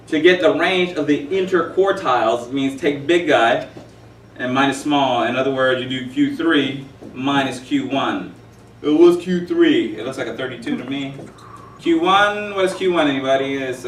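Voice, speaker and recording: A man's voice: medium pitch, a little hiss or hum. Forties guy teaching math, jokey, rambles off on stories, echoey room, mic kinda far. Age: 40s. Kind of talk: classroom lecture. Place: classroom.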